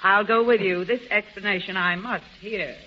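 A woman's voice: medium pitch, steady tone, moderate pace, noisy background, close to an everyday voice. An actress playing Irene, a brash, wisecracking society woman in a 1940s radio drama, on a dull old recording. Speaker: Irene Potter.

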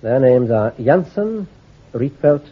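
In an old radio play, a sharp, quick-moving army intelligence commander issues orders in a clipped, authoritative way, sounding commanding. His slightly husky voice has lively shifts in pitch, and the performance is exaggerated. The audio is thin and tinny, much like a telephone line.

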